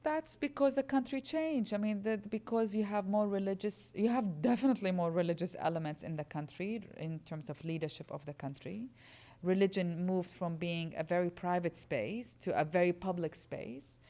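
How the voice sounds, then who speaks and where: A woman's voice: on the low side, normal speed, dark tone. A woman from Iraq, earnestly explaining as a guest speaker answering audience questions at a lecture.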